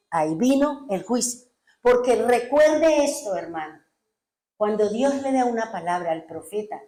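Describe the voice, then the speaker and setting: Woman pastor preaching, kinda high voice, lots of rhetorical questions, roomy echo. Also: darkish tone. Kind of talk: sermon.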